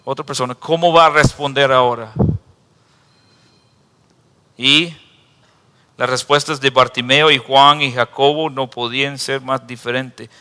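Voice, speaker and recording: A man's voice: mid-range voice, steady tone, a little slow, long pauses, pushed and bright, clean tone, big-room sound. A man preaching a sermon in a church who acts out the people he reads about in raised voices. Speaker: pastor.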